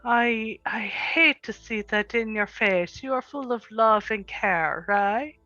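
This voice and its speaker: A woman's voice: on the high side, slow, bright, forceful tone, dry recording, lo-fi sound. A woman playing a tabletop game, talking casually in character with a caring, nurturing manner. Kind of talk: casual in-character role-play. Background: faint music.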